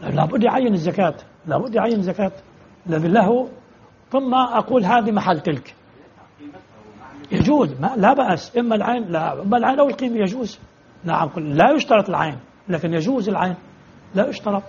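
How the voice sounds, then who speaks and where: A man's voice: sits high, animated, fast talker, a little mellow, dull audio, slight background noise. A man teaching religious law in a lecture, explaining with repeated examples and rhetorical questions as he answers students.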